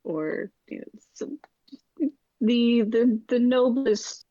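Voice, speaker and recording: A woman's voice: on the high side, expressive, slow pace, warm tone, dry recording. A woman chatting casually as a player in a tabletop game, on a slightly lo-fi track.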